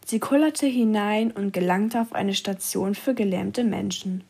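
A woman reading a children's story aloud in a calm, even storytelling manner. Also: mid-range voice, a little slow, gravelly, breathy edge.

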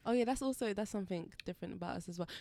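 A woman's voice: medium pitch, rapid-fire, dark tone, no room sound. A young woman from Jamaica, co-hosting a casual chat podcast, curious and full of questions. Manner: curious, asks questions, laughs often. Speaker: podcast co-host.

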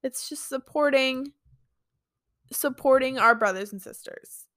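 A young woman hosts a solo podcast, chatty and earnest, filling her talk with "like" and "um". Her voice is bright and fairly high, and she takes her time. The sound is close and dry, with no room around it. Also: unhurried, no room sound. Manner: earnest, chatty, many fillers. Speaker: podcast host.

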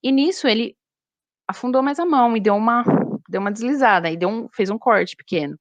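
A young woman, a zookeeper, chatting casually and telling stories in an animated way. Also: fairly high pitch, fairly quick, dry recording, muffled recording. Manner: animated storytelling. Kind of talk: casual chat.

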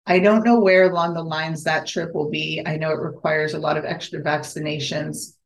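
A podcast host talks alone in an easy, unscripted way, full of eager feeling. The voice sits at an ordinary middle pitch. Thoughts run on, trail off, and restart mid-sentence. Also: level tone, normal speed. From United States. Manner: enthusiastic, rambling, self-correcting. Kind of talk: casual solo podcast monologue.

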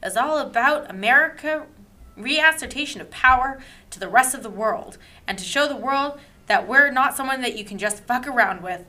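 A woman's voice: high-pitched, lively intonation, moderate pace, bright, forceful tone. A woman reading a silly story aloud and teasing her co-host with dry wisecracks. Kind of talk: comedic reading with banter.

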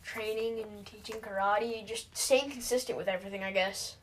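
A woman's voice: medium pitch, fairly even intonation, normal speed, a little hiss or hum. A teenage girl chatting casually, rambling and stammering as her thoughts run ahead, laughing often. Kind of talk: casual chat.

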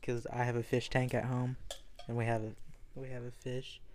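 A young man chatting in a laid-back, flat-toned way, his voice barely rising or falling. His pitch is ordinary for a man. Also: normal speed, a little hiss or hum. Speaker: podcast guest. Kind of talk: casual chat.

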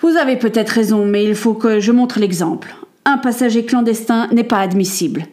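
A woman's voice: a little high, normal speed, darkish tone, natural voice. A woman voicing a stern male ship captain who gives curt commands. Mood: weary.

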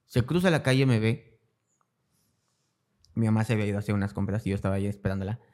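A slightly mellow, lowish voice belongs to a young adult guest with a Mexican Spanish accent who talks fast in a casual interview. A cancer survivor, he tells his story and acts out the voices of the people in it.

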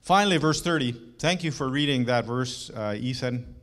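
A middle-aged man preaching a sermon, earnest and emphatic, with rhetorical questions and warm personal asides to the congregation. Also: mid-range voice, normal speed. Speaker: pastor.

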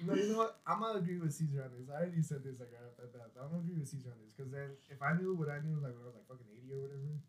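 A young man co-hosting a casual podcast chat, animated and self-mocking, swearing freely. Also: mid-range voice, rapid-fire, few pauses. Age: young adult. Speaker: podcast co-host. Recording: roomy echo.

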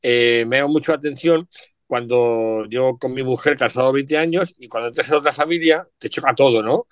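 A man's voice: medium pitch, moderate pace, dry recording, clean studio sound. A middle-aged man chatting reflectively about family words, with frequent asides. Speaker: guest. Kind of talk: casual chat.

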